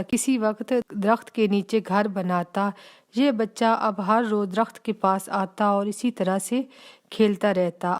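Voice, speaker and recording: Woman reading a kids fairy tale, medium pitch, scripted storybook narration. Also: darkish tone.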